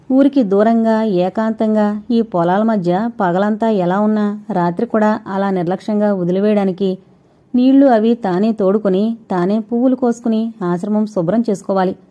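A woman reading the part of an earnest, devoted young woman in an audiobook, with soft, heartfelt pleading. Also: medium pitch, lo-fi sound, natural voice.

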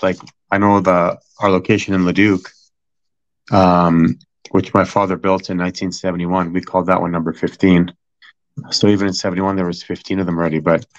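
A middle-aged man talking casually as an interview guest about his family's restaurant, rambling with many fillers and restarts. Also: sits low. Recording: dull lo-fi sound.

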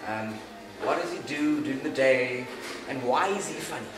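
A man's voice: medium pitch, normal speed, music in the background. A man from Cape Town with a South African accent, hosting a casual interview and teasing his guest playfully. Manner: playful, teasing, laughs often. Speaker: host. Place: indoor studio set, couch. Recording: echoey room.

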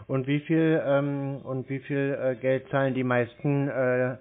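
Posing as a naive customer on a prank call, a man with a mid-range voice speaks flatly at a measured pace, hesitating and rambling. He comes through a muffled, narrow telephone line.

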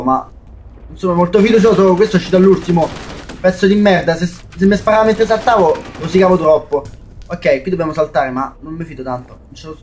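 Commentating a shooter game, a young Italian man who makes gaming videos on YouTube swears and talks to his viewers, calling them "raga." His pitch is fairly high and his manner jumpy in this let's play, with faint gunfire and game sounds behind him.

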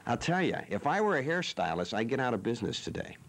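A man's voice: mid-range voice, sing-song, quick pace, vocal fry, a bit bright. A man hosting a cable TV talk show from a studio, joking and teasing in a rambling way. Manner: playful, teasing.

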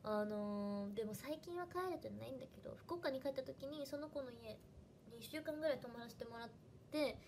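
A woman's voice: sits high, brisk, noisy background. A young woman with a Hiroshima dialect, chatting casually on a livestream and thanking viewers by name. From Fukuoka, Japan. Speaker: idol trainee livestreamer.

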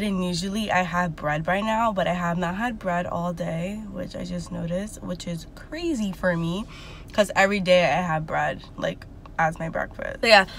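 A woman's voice: on the low side, a bit bright, a little hiss or hum. A woman in her twenties talking casually into her phone while sitting in her car, rambling candidly with lots of fillers. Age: 20s. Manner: chatty, filler-heavy, candid. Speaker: vlogger. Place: inside a car, parked. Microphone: phone at arm's length.

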